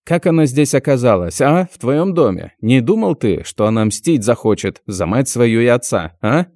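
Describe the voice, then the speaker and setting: A man's voice: medium pitch, big pitch swings, normal speed, a little mellow, no echo, clean studio sound, pitched above the performer's own voice. A man voicing a crude, menacing middle-aged uncle who sneers and swears. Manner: coarse, sneering, swears a lot.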